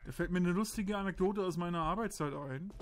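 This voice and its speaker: A young man from Berlin, Germany, talks in a high, brisk voice while playing a shooter game, with faint music in the background. He's a let's play commentator, and his chatter is rambling, crude, casual and self-justifying.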